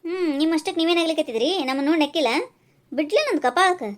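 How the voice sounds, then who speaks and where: A woman's voice: very high-pitched, voice pushed up. A woman voicing a fiery village woman with a North Karnataka accent. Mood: indignant. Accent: North Karnataka Kannada. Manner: scolding, rapid and combative. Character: brash rural village woman, middle-aged, quick-tempered. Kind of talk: cartoon voice acting.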